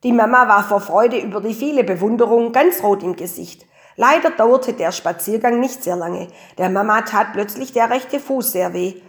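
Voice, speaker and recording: A woman's voice: a little high, normal speed. Woman reading a children's story aloud. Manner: lively, expressive storytelling.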